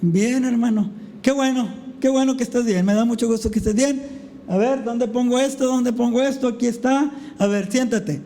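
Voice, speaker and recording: A man voicing an older pastor who speaks to his daughter and son-in-law in a gentle, fatherly, reassuring way. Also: extremely high pitch, moderate pace, pitched above the performer's own voice. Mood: friendly.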